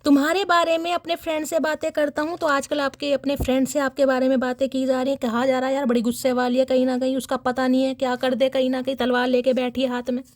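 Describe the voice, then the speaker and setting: High-voiced playful woman tarot reader. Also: flat delivery, quick pace, few pauses, no echo. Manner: playful, teasing, laughs often, mixes English words. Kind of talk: casual tarot reading to viewers.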